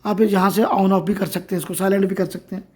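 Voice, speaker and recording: A man's voice: high-pitched, fairly even intonation, fast talker, mellow, husky. Indian guy doing an informal phone tutorial, walking thru it step by step. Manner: step-by-step explaining. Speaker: tutorial presenter.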